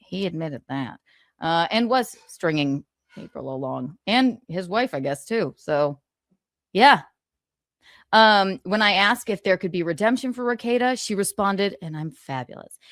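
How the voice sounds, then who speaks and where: A streamer with a medium-pitched voice switches back and forth between casual conversation and reading book passages aloud. She uses gloating, sarcastic, theatrical emphasis, and the sound is clean studio audio with no room sound.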